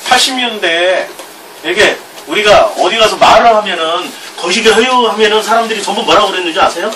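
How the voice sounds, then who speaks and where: A man's voice: sits high, fairly quick, bright, forceful tone. A middle-aged male pastor with a Gyeongsang Korean accent, preaching a sermon, reading scripture aloud with chuckling asides. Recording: distant mic with background noise.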